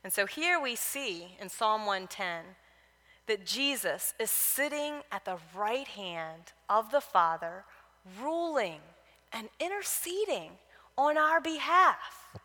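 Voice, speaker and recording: A woman gives a conference Bible teaching talk in a bright, forceful, fairly high voice with big pitch swings, taking it slowly and conversationally. She shifts from personal stories to direct exhortations to her listeners, and a long reverb from a large hall follows her voice.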